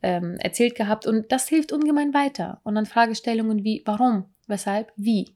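A woman's voice: fairly high pitch, normal speed, warm tone. A young woman co-hosting a podcast, chatting casually about dating tips in a rambling way. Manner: chatty, rambling, acts out quoted lines. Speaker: podcast co-host.

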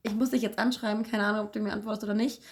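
This young woman co-hosts a podcast, speaking in a mid-range voice at a racing pace. She chats casually and tells animated anecdotes, peppering them with plenty of fillers.

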